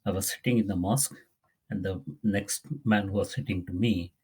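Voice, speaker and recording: A man's voice: sits low, fairly even intonation, normal speed, a little mellow, husky. A man teaching a Quran lesson, earnest and pleading, often repeating his words. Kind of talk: religious lesson.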